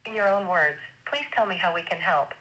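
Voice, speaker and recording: A woman's voice: fairly low pitch, a little fast. A woman's voice as an automated phone assistant, speaking formally and evenly over a phone line. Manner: even, formal, scripted delivery. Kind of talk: automated call menu and answers. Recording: dull phone line with faint hiss.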